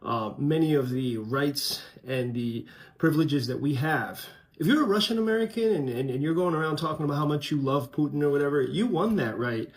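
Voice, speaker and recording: A man's voice: a little high, expressive, a little fast. A man from Colombia, raised in the US, talking frankly and conversationally to his channel's viewers. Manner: frank, conversational, many fillers. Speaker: channel host. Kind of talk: casual opinion vlog.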